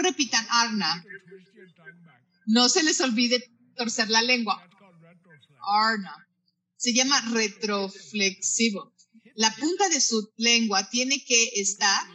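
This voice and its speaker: A bright, crisp voice teaches Buddhist practice to a group. The speech comes in short halting phrases, doubling back to repeat and restart words. Now and then it turns to the listeners with quick questions and asides. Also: medium pitch, rough recording.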